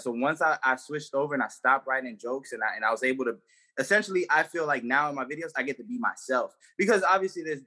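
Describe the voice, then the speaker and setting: A man's voice: mid-range voice, sharp tone. A young man, a comedian, chatting casually on a podcast in loose slang with lots of fillers and restarts. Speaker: comedian guest.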